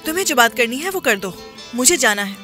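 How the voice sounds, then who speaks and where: A woman's voice: on the high side, expressive, fairly quick, bright, forceful tone, soft background music. A woman dubbing a film role, a proud young woman who speaks in a curt, dismissive, defiant way. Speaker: dub actress.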